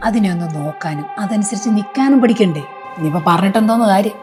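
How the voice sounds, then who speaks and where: A bossy older mother-in-law, played by a woman, who lectures and scolds without letup. Her voice sits at an ordinary middle pitch for a woman. Her manner is harsh and domineering, as in a film drama. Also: animated, quick pace, over music, close to an everyday voice. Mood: gossiping. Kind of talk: short film acting.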